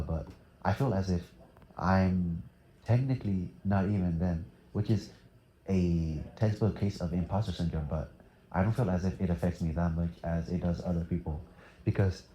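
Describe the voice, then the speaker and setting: A man's voice: deep voice, dark tone, reverberant, a little hiss or hum. A teenage boy from Thailand answering interview questions casually, hesitant with many fillers. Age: teens.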